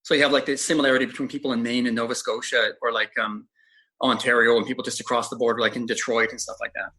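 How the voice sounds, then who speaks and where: A middle-aged man from Canada answers questions in a rambling way, pausing and starting over. He talks quickly, and his voice sounds bright and forward. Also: medium pitch, level tone, rough recording. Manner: rambling, with hesitations. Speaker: podcast guest, traveler. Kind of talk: casual interview answers.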